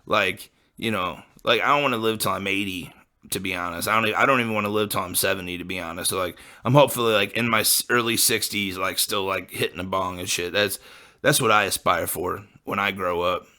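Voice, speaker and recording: A Midwestern American man in his late twenties hosts a podcast, rambling in a laid-back, profane way packed with "like" and "you know." His voice sits low and steady, with a sharp edge, and he talks fairly quickly.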